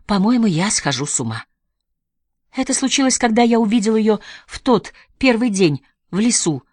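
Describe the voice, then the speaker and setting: Woman voicing a halting, guilty young man, low and dry, audiobook read. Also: expressive, no echo. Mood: confessing. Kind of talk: audiobook reading.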